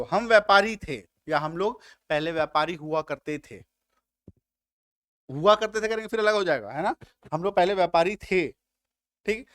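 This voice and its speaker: High-voiced Indian man teaching English grammar. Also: pushed and bright, no echo, clean studio sound. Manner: patient, repetitive, checks in with "clear?". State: slightly unwell, coughing. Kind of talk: Hindi-medium spoken English grammar lesson.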